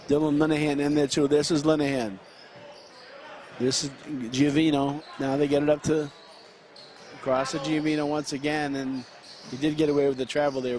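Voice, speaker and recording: A man calls a high school basketball game play by play, his voice sitting a bit high for a man. The action rattles past fast, and he leans on plenty of ums and uhs. A faint hiss of noise sits under the commentary. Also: a little mellow. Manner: quick play-by-play with frequent fillers. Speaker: play-by-play announcer.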